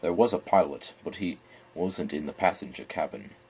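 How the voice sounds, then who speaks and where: A man's voice: deep voice, moderate pace, a little mellow, husky. A man reading a novel aloud in a put-on English accent, stumbling over words and correcting himself as he goes. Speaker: amateur reader. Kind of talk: audiobook reading.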